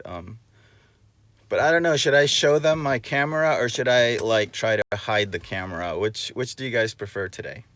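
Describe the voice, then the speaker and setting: A man's voice: low-pitched, a bit bright. A man live streaming casually to his viewers, with a rusty, unwarmed voice as if he just woke up. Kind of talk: casual livestream chat to viewers.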